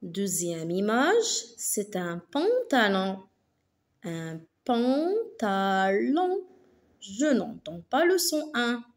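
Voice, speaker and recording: A woman teaching a phonics lesson to young children, saying each word slowly and carefully and repeating it twice. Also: mid-range voice, sing-song. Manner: slow, carefully articulated, repeats words twice. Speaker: primary school teacher.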